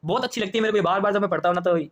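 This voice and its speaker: Rajasthani hindi guy teaching, high voice, talks fast, keeps quizzing and repeating himself. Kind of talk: exam paper walkthrough lesson.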